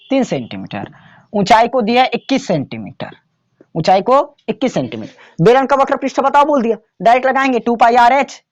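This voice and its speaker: A man's voice: extremely high pitch, lo-fi sound. A man teaching a maths lesson to students in a classroom, in a casual way, often checking whether they have understood.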